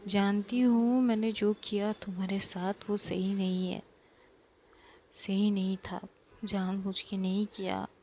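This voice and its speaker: Female reader doing a pleading young woman in love, slow-paced. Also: mid-range voice, darkish tone, slight background noise. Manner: pleading, earnest.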